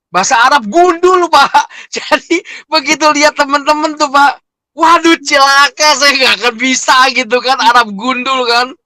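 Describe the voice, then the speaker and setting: Middle-aged man, emotional testimony in a high voice, close and dry. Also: no room sound. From Indonesia. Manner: emotional, animated storytelling with frequent "Pak". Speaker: interviewee. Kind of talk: personal testimony.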